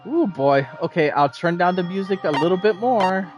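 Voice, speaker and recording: A man's voice: high-pitched, expressive, moderate pace. A man streaming a game, casually commenting and reading aloud as he plays. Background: faint game music.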